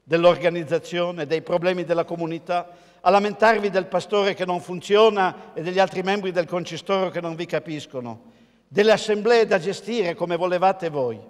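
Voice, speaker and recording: Older male pastor, Italian accent, sermon, high voice, emphatic rhetorical questions, big reverberant church. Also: moderate pace. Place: large church, preaching from a wooden pulpit. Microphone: pulpit mic, filmed by a camera across the church.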